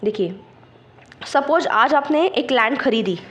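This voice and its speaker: A woman's voice: high-pitched, lively intonation, slow pace, fairly bright tone. A woman gives an online exam-prep lesson. She explains patiently, step by step, and keeps checking in with her students. She slips English terms into her Hindi as she goes. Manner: patient, checks understanding with frequent "theek hai".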